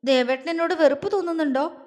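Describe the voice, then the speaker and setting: A woman's voice: high voice, close to an everyday voice. A woman voicing a tearful, insecure young wife who stammers through her words, with a long hall reverb. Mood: hurt pleading. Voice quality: halting, stammering speech. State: crying.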